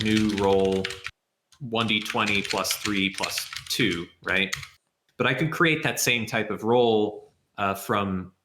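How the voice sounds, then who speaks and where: A man who is a software developer answering questions in a live session, thinking aloud and explaining things step by step. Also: low-pitched, roomy sound. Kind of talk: live Q&A with screen demo.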